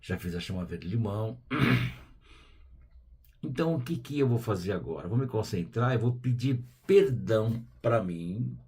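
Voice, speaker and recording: A man with a Brazilian Portuguese accent hosting a spiritual program, talking in a relaxed, conversational way with frequent tag questions and quiet asides. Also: mid-range voice, husky. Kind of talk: casual spiritual talk.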